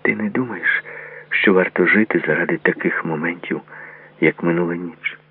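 A man voicing an anxious, tender young woman who pleads softly with her lover. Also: low-pitched, moderate pace, husky. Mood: pleading. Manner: soft pleading delivery. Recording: tinny phone-like lo-fi audio.

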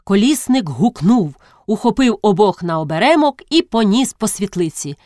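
A woman narrating a classic story as an audiobook reader, in a lively, expressive reading. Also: mid-range voice, normal speed, dry recording. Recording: dry studio sound.

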